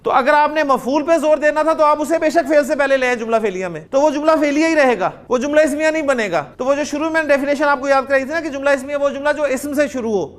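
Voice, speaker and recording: Man teaching grammar, deliberate. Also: very high-pitched. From Pakistan. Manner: deliberate, drills students with questions, spells out sounds slowly. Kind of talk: classroom grammar lecture.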